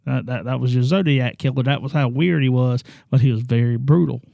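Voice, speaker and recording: A man's voice: mid-range voice, fairly quick, creaky, mellow, no room sound, studio quality. A man co-hosting a casual true-crime chat over drinks, telling the story with animation and teasing his friends. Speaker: podcast co-host.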